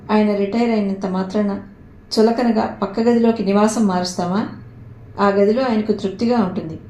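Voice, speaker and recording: A woman's voice: mid-range voice, mellow, echoey room, slight background noise, low-quality recording. A woman narrating an audio novel, reading both the story and the characters' dialogue aloud.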